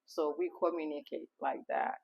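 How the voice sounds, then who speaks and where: A woman from Haiti, a memoir author, telling her story in a casual interview with reflective pauses and fillers. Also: deep voice, little pitch movement, breathy edge. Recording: dull lo-fi recording.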